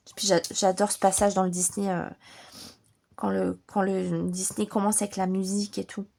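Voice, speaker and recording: A French woman vlogging casually about her coloring books, chatty and enthusiastic, a little hoarse as she recovers from bronchitis. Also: medium pitch, little pitch movement, normal speed, warm tone. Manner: chatty, enthusiastic, many fillers. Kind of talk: casual vlog chat.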